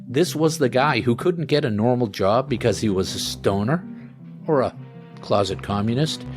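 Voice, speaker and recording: A male podcast host chatting casually and rambling with joking asides, tired after a late night. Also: mid-range voice. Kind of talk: casual chat. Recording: music playing underneath.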